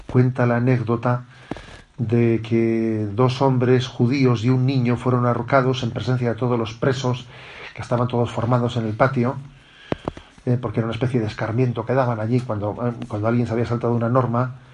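A middle-aged bishop from gives a spiritual retreat talk, speaking at an ordinary pitch. He preaches conversationally and keeps checking in with his listeners through short tag questions. A faint hiss runs under his voice. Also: level tone, brisk, a little mellow, dull audio.

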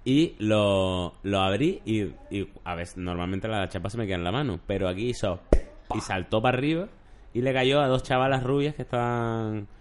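Man, podcast host, casual chat, lowish voice, relaxed storytelling. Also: normal speed, a little hiss or hum. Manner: relaxed storytelling, laid-back.

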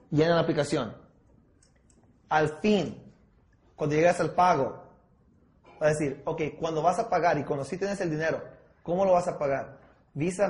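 High-pitched guy coaching a sales team, keeps asking if u follow, echoey room. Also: darkish tone. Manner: mixes in English words, keeps checking in with listeners. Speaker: sales trainer. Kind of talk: training talk with role-play.

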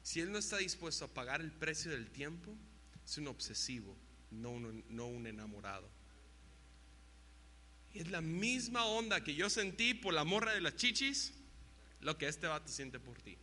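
A young man preaches with animated storytelling, breaking into shouted sound effects and imitations. His voice is high and very bright. He sounds like he is in a large hall with long reverb and a faint hum behind him. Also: normal speed. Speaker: youth pastor. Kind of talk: sermon.

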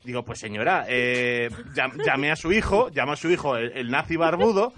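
A man's voice: mid-range voice, animated, moderate pace, fairly bright tone. A man improvising a comic story in the first person, rambling and repeating his words as he goes. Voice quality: bearded. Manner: rambling, repeats words, laughs while telling. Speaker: improv player.

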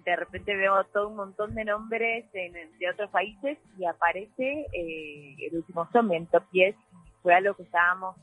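An Argentine actress chatting as a guest on a radio interview, relaxed and talkative, sometimes trailing off. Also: female voice, medium pitch, normal speed, rough recording. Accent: Argentine Spanish. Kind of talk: interview over a call.

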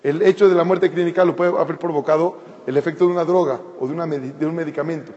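A man's voice: a little high, fairly even intonation, quick pace, darkish tone. A man giving an informal storytelling talk, who repeats words and phrases for emphasis. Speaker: speaker telling a story. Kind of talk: informal spoken storytelling lecture. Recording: reverberant hall, dull lo-fi sound.

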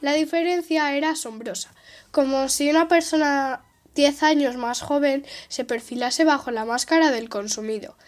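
A woman reading a novel aloud in a steady, careful way, taking turns with a partner. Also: sits high, normal speed. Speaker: reader.

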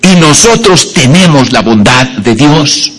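A man's voice: medium pitch, big pitch swings, slow pace, a bit bright, slightly rough. Folksy man preaching. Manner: anecdotal, folksy preaching with jokes and many fillers. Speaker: pastor. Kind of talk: sermon.

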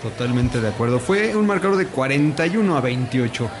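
A man's voice: medium pitch, lively intonation, brisk, a crowd in the background. A Mexican man in a casual sports discussion, speaking colloquially and emphatically as one of the panelists. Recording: clearly noisy urban ambience behind voice.

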